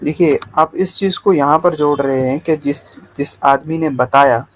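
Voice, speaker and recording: A man who is a guest in an online debate, calm and questioning. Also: a little high, normal speed.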